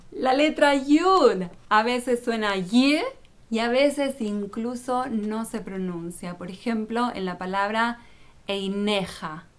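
Woman, religious teacher, patient explainer, unhurried delivery, slightly high voice. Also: fairly bright tone. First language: Spanish speaker, not Hebrew. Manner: patient, addresses viewer directly.

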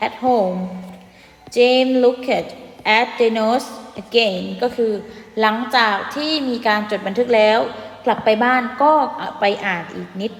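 A fairly high-voiced woman with a Thai accent teaches English to young pupils in a patient, step-by-step way and slows down on each English word. She keeps ending phrases with soft polite particles. The room is echoey with a long reverb tail, and faint music plays behind her. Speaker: primary school English teacher. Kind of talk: online classroom lesson.

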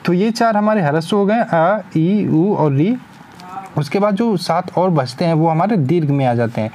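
A man's voice: high-pitched, a little fast, a little mellow, slight background noise. A young man teaching an exam-prep lesson, asking questions and answering them himself. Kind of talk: spoken lesson.

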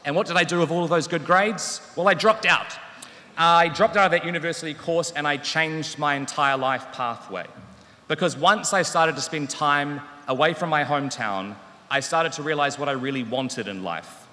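Speaking at a normal pace, this thirtysomething New Zealand teacher has a fairly high, bright, forceful voice. He's giving a graduation speech that's earnest but wry and self-mocking, using a stand-mounted podium microphone. Long reverb from the big hall trails his words.

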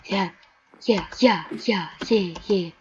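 A woman giving live gameplay commentary, excitable and talking to herself, chanting the same words over and over. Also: mid-range voice, slow. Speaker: gaming channel host. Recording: dull lo-fi mic with faint hiss.

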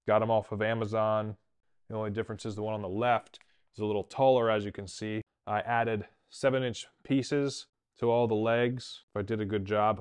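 A traveling TIG welder in his thirties gives a tour of the tools in his indoor workshop, filmed on a handheld camera. His voice is lowish, clear, and resonant, and he explains things in a plain, practical, matter-of-fact way.

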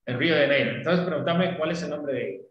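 A man's voice: fairly high pitch, quick pace, reverberant, muffled recording. A man teaching an online English class, explaining patiently and often checking that students follow. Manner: patient, often checks understanding with tag questions.

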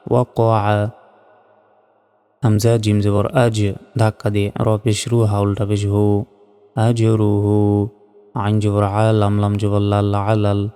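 Slow-spelling man in a reverberant hall. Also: on the low side, dark tone, smooth. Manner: spells each syllable then chants the joined word. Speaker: Quran reading teacher. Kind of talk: slow letter-by-letter Quran spelling lesson.

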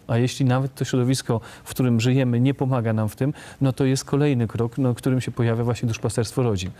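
A man speaking as a studio guest in a panel discussion, thoughtful and pausing to find his words. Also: mid-range voice, mellow.

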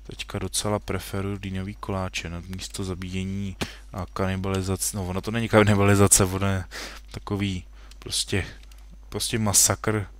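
A young man casually commenting while playing a computer game at home, rambling and correcting himself, with jokey asides. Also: low-pitched. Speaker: gaming video host. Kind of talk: casual Minecraft let's play commentary.

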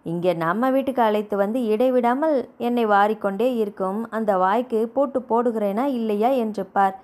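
A woman's voice: mid-range voice, a little fast, a little mellow, close to an everyday voice. A woman reading a storybook voices a sulky, teasing young husband with a grumbling, bantering manner. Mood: challenging.

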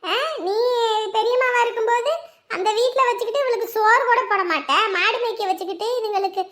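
A fierce elderly aunt, loud and scolding, very high voice, family drama. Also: female voice, brisk. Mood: accusing. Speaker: protective aunt. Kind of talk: Tamil family drama acting.

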